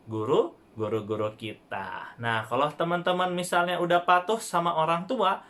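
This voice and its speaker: A young man, a primary school religion teacher, giving a gentle online lesson to young children with frequent questions to the class. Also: mid-range voice. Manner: gentle, patient, addressing kids directly with frequent rhetorical questions.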